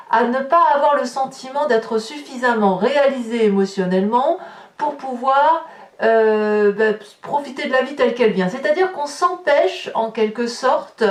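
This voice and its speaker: A woman with a French accent giving a chatty tarot reading to her viewers, full of fillers and restarts. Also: on the high side. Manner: talkative, many fillers and restarts. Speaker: tarot reader. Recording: echoey room, voice a bit far from the mic.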